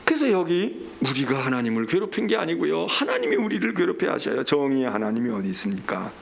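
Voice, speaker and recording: A male pastor giving a Bible study lecture, acting out God and the people in lively, casual speech. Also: fairly high pitch, quick pace, vocal fry, a little hiss or hum.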